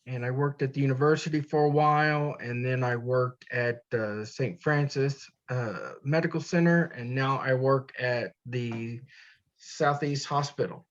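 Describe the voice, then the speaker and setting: A middle-aged man introducing himself to his class, halting now and then with "uh". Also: mid-range voice. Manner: halting, with "uh" pauses. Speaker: student presenter. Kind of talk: self-introduction. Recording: slightly dull recording.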